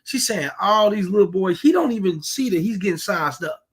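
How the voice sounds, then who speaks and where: A man's voice: high-pitched, expressive, moderate pace, a bit bright, slightly rough. A man giving blunt, profane dating advice to the fellas while reacting to a street clip. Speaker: reaction commentator. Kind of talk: reaction commentary.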